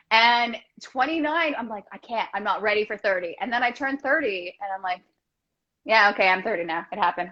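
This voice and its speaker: A woman in her thirties, a guest on a casual video call, effusive and gushing, talking in quick rushes. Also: medium pitch, a bit bright, dull audio. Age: 30s.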